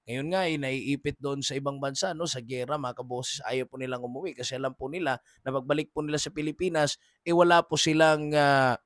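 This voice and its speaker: A man's voice: medium pitch, fairly even intonation, a little fast, fairly bright tone, no echo, studio quality. A man hosting a political commentary monologue, earnest and polite, who keeps addressing his listeners directly.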